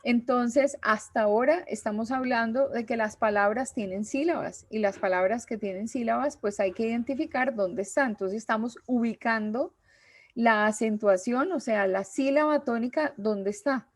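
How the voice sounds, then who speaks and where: A woman teacher, giving a class lecture patiently and slowly, with many pauses and fillers. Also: on the high side, no echo.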